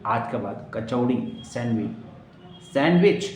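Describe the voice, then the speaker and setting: A man with an Indian accent teaching English pronunciation, switching between Hindi and English and repeating words slowly for drills. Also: on the high side, a little mellow, slight background noise. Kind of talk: spoken English lesson. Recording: echoey room.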